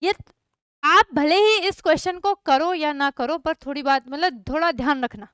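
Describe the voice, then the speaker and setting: High-voiced woman teaching a chemistry class. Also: moderate pace, fairly bright tone, no room sound. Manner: repeats questions to students, frequent checks like "thik hai". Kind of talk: online class lecture.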